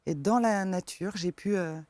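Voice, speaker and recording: Answering an interviewer's questions, this soft-spoken woman works as a forest therapy guide and comes from eastern France, carrying a slight regional accent. She hesitates often with fillers, speaking on the low side at a moderate pace, and there's no room sound.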